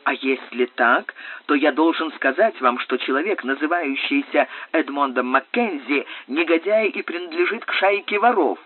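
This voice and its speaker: A man's voice: on the high side, moderate pace, slightly rough. A man voicing a proud, defiant nobleman who speaks firmly and accusingly in an audiobook. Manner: haughty, firm, accusing. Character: proud defiant male nobleman under arrest. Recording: tinny phone-like audio.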